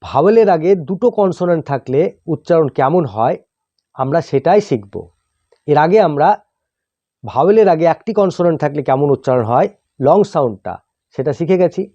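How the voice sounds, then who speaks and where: A man's voice: fairly high pitch, expressive, warm tone. Bengali teacher man drilling phonics sounds. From Bangladesh or West Bengal. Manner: slow, drilled spelling then sounding out each blend. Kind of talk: phonics lesson, spelling out letters. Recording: dull lo-fi audio.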